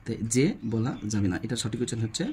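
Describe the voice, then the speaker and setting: A man's voice: mid-range voice, fairly even intonation, quick pace, warm tone, slight background noise. A man with a Bangladeshi Bengali accent, teaching a spoken English lesson and checking in with his class. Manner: repeats questions to the class, frequent "হ্যাঁ?" checks.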